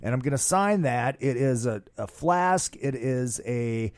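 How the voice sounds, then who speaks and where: A man's voice: medium pitch, animated, measured pace, no room sound. A hungover man hosting a rock podcast in a studio, rambling through casual plugs in a brash, profane, slangy showman's way. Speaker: podcast host.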